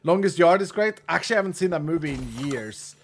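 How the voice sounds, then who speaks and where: Fast and expressive, a slightly high male voice comes through with a little hiss or hum. Swedish-born and a native Swedish speaker, he uses English with a Swedish accent in a slightly raised voice, chatting loosely with his stream while gaming and reading chat, laughing at himself and often not finishing sentences.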